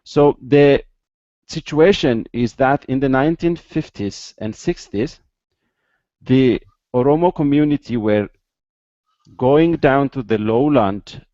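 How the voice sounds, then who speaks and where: A man from Ethiopia, a guest in an interview, explaining at length with many pauses and fillers over a video call. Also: medium pitch, mellow, no echo, lo-fi sound.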